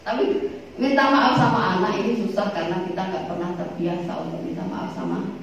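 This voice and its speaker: A woman religious teacher giving a chatty study lecture to women, teasing and joking as she goes, and reading Arabic text slowly before explaining it. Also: fairly low pitch, huge pitch swings, slight background noise. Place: large echoey hall at a boarding school. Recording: very echoey, distant, muffled.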